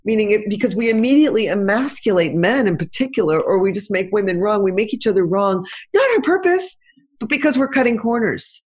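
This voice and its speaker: A woman's voice: mid-range voice, animated, fairly quick, darkish tone, breathy edge. A middle-aged woman, a relationship coach on a talk show, telling stories expressively and acting out the dialogue. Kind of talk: animated talk-show interview.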